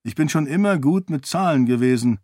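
A man doing a bright-voiced young man. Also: on the high side, expressive, brisk, no echo, studio quality, voice pushed up, close to an everyday voice. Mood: earnest. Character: young man, newly healed, precise with numbers.

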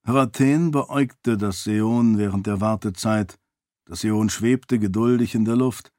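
A man reading a fantasy audiobook in a measured, clear storytelling manner. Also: fairly low pitch, mellow, dry recording, clean studio sound. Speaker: audiobook narrator. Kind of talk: scripted fantasy narration.

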